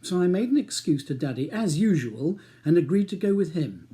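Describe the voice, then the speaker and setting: A man narrating an audiobook pushes his mellow voice up into a high pitch with big swings, speaking briskly. He's voicing character dialogue for a cold, scornful upper-class wife whose words cut beautifully.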